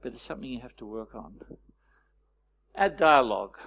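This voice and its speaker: A man leading a storytelling workshop, teaching with wry anecdotes and frequent pauses. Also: mid-range voice, sing-song, vocal fry, a bit bright. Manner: anecdotal, wry, pausing often. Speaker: workshop presenter.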